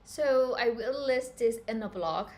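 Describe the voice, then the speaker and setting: A woman's voice: a little high, a little slow, a little mellow. A woman from Cambodia, giving a chatty, earnest live-stream tutorial on pattern making and talking straight to her viewers. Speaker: fashion pattern-making instructor.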